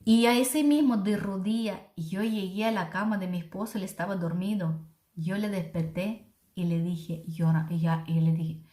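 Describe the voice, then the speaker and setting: A woman's voice: mid-range voice, normal speed, mellow, roomy sound. A middle-aged woman, a missionary preacher, sharing a heartfelt personal testimony with her congregation. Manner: earnest, heartfelt, addresses listeners as brothers and sisters.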